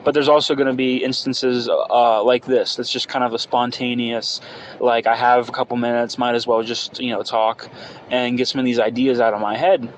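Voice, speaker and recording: A man's voice: medium pitch, level tone, moderate pace. A man in his early twenties hosting a casual, unscripted solo podcast, talking hesitantly and thinking aloud into a phone inside a car. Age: early 20s. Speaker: podcast host. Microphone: phone microphone. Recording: noisy car-interior phone recording.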